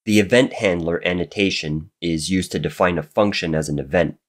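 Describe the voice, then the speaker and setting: Still recovering from a cold, a man with a slightly raspy, nasal voice narrates a screen-recorded coding tutorial. His voice is low and fairly quick, and he explains things in a steady, methodical way.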